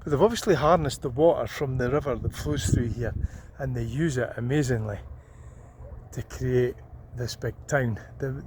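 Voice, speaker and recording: A man talks through his travel vlog in an easy, wondering way, full of ums and half-finished thoughts. His voice sits at an ordinary middle pitch. Steady vehicle and outdoor noise runs clearly underneath. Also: moderate pace. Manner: musing, chatty, frequent ums and restarts. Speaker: travel vlogger. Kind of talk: casual travel vlog narration. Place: on the road and outdoors in a small town.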